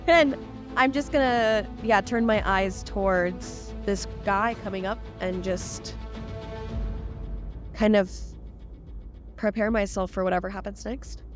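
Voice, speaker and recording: Slow, hesitant woman playing a tabletop game. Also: medium pitch, music in the background. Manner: hesitant, thinks aloud with fillers. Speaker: player. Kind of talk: casual tabletop play.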